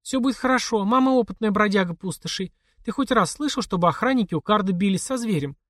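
A man reading an audiobook, voicing a sharp-tongued, mocking mother in a high, lifted voice. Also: animated, fast talker, no echo, clean studio sound. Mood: tender. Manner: mocking, scolding. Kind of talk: audiobook character voice.

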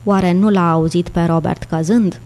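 A woman's voice: fairly low pitch, steady tone, warm tone, close to an everyday voice. Woman reading an anxious policewoman's inner thoughts. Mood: worried. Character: anxious young policewoman thinking to herself.

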